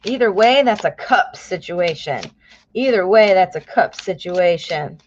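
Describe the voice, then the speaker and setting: An American woman with a fairly low voice and lively intonation reads tarot cards live for her viewers at a measured pace. She chats easily, drops endearments, and bursts into exclamations when a card surprises her. The stream sounds a little dull and lo-fi, with slight background noise.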